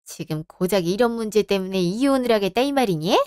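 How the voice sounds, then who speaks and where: A woman's voice: mid-range voice, expressive, fairly quick, darkish tone, smooth, dry recording, studio quality, close to an everyday voice. A woman voicing a haughty, indignant middle-aged mother-in-law who scolds sharply in a radio drama.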